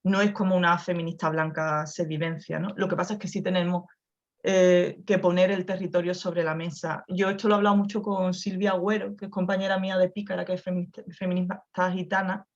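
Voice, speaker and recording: A woman with a softened Andalusian accent, speaking reflectively on a video call, with many restarts and tag questions. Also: on the low side, level tone, brisk, dull audio. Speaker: guest author. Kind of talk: conversational talk over video call.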